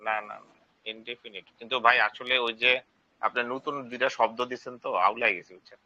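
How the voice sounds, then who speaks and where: A man's voice: mid-range voice, little pitch movement, a little fast, pushed and bright, lo-fi sound. A man answering questions as a student in an online class, hesitant and brief.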